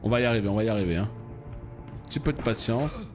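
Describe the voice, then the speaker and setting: A man streaming a game live, reacting loudly, swearing and talking to his chat. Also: lowish voice, quick pace. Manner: excitable, swears, talks to chat. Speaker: gaming streamer. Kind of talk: live let's play commentary. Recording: music playing behind.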